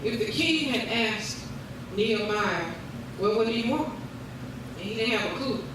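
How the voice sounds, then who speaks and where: A woman's voice: a little high, lively intonation, unhurried. Woman revival preacher in an echoey hall. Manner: declarative, with repeated phrases and praise interjections. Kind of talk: revival sermon. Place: large indoor room at a church service. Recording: echoey church hall, distant mic, noisy.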